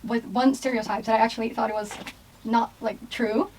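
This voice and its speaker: A woman's voice: on the high side, fairly even intonation, brisk, a little mellow. A young woman from Brazil, chatting casually as a guest and giggling between thoughts. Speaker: guest, exchange student. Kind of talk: casual chat. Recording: distant mic, faint noise.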